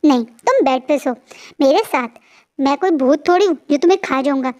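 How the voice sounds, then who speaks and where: A woman voicing a playful, teasing young man who banters and coaxes in a high voice. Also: moderate pace, darkish tone, lightly acted. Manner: coaxing, bantering.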